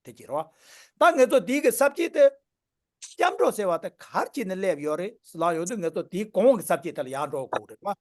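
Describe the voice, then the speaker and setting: A man teaching a Buddhist dharma class, reading and explaining a text in measured phrases. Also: high voice, lively intonation, a little mellow.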